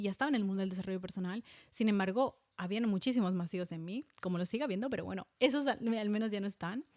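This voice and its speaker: A woman's voice: mid-range voice, a little mellow, no room sound. A woman in her thirties from Spain, talking candidly and reflectively as a podcast host, with many fillers and restarts. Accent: Spanish from Spain. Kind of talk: personal reflective monologue.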